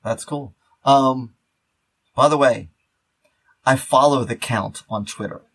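A slightly rough, mid-range male voice belongs to a podcast co-host in casual, unscripted conversation. He wanders from point to point, hesitating, doubling back on words and beginning phrases again.

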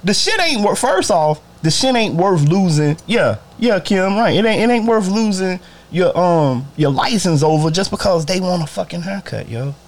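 A man rants casually on a livestream, blunt and full of profanity. His voice sits a little high and swings widely in pitch as he moves from exasperated outbursts to muttered asides. He speaks straight to his viewers and greets them as he goes. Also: expressive, moderate pace. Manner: profane, blunt, talks to viewers directly, swings between loud and low. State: bothered by allergies. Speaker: barber livestreaming to followers.

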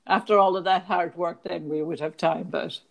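A woman's voice: on the low side, fairly even intonation, moderate pace, creaky. A chatty woman with a west of Ireland accent from Kerry, reminiscing casually in an interview. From County Kerry, Ireland. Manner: chatty, frequently breaking into laughter.

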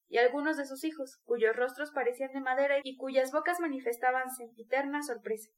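A woman narrating a classic novel aloud in a measured, even storytelling voice. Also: high-pitched. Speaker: audiobook narrator. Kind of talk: scripted literary narration.

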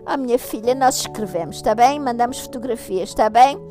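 A woman voicing a tender old grandmother, gently coaxing and reassuring. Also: a little high, moderate pace, faint music behind, lightly acted. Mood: soothing.

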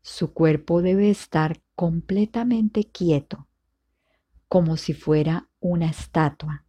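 A woman instructor guides a meditation with a low, relaxed, slightly breathy voice. She talks very slowly and deliberately, pausing at length between brief instructions, and stays calm and soothing throughout.

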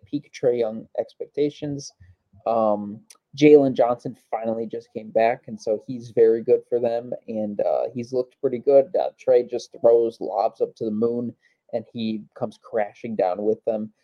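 A man co-hosting a podcast, easygoing and quick to laugh, reeling off basketball stats. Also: mid-range voice, steady tone, dry recording. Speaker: podcast co-host. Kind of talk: casual basketball chat. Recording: dull lo-fi dry mic.

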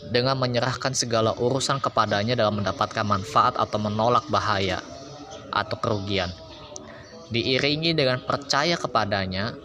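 A man preaching an Islamic lesson, explaining slowly with chatty asides. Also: medium pitch. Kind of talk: casual sermon. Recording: music behind. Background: music.

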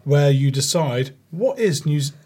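A man co-hosting a comedy podcast, presenting a news story in a halting, filler-heavy way amid casual banter. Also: fairly high pitch, expressive, a little mellow, breathy edge. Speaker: podcast co-host reading out news.

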